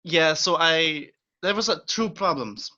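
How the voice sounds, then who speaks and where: Speaking at an unhurried pace in a fairly high, sharp voice, this young Czech man uses English as a second language and has a Czech accent. He comes across as an eager podcast guest in casual interview talk, full of fillers and quick laughs, and the audio is dull and lo-fi.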